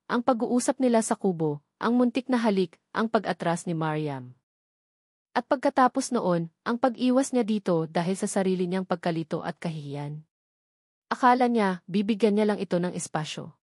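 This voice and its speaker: A woman with a Filipino accent reads a scripted romance story aloud as a dramatic narrator. She speaks at medium pitch with a slightly mellow quality, recorded cleanly in a studio without room sound.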